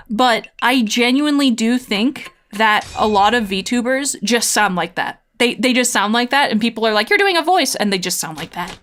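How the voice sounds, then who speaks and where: A woman's voice: on the high side, fairly bright tone, slight background noise. A woman livestreaming a game, chatting casually in a slangy, rambling way as she thinks aloud and answers her viewers. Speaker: livestreamer, VTuber playing online mahjong. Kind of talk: casual livestream chat while gaming, replying to chat.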